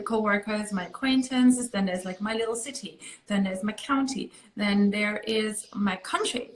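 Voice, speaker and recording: A woman's voice: mid-range voice, fairly bright tone, a little hiss or hum, rough recording. A woman from Austria speaks English with an Austrian German accent. She is hosting a casual interview. She talks in a loose, chatty way, piling up little fillers as she goes. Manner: chatty, heavy with fillers like "like" and "you know". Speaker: host.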